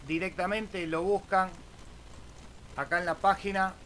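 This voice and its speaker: Speaking at a measured pace with fairly even intonation, a man from Argentina uses a high-pitched, slightly bright voice. He runs a casual screen-share tutorial as an amateur radio YouTuber, often capping phrases with a questioning "eh?", against clear background noise.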